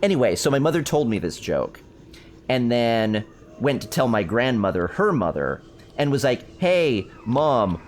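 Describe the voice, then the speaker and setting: Talkative man, gameplay commentary, lively up-and-down voice, faint hiss behind. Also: mid-range voice, measured pace. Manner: chatty, rambling storyteller answering chat. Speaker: streamer playing a survival game.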